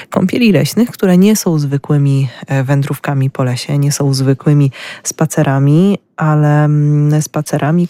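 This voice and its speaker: A woman hosting a radio talk show, introducing the theme and asking questions in a measured, searching way. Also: deep voice, dark tone, no echo. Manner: slow, measured, searching for words. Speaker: radio host. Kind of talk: radio interview.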